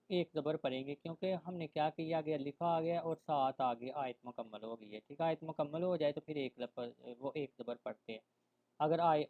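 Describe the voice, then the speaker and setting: A man giving an online Quran reading lesson. He recites verses slowly and loudly, then explains softly and conversationally, mixing in English words. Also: on the high side, rough recording. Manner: mixes English words into his speech. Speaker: Quran teacher.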